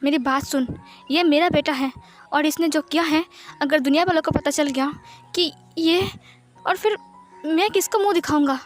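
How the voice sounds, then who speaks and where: A woman acts out a furious middle-aged father in a spoken fan story, harsh and scolding. Her pitch stays high. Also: moderate pace, long pauses, soft background music, lightly acted. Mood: angry.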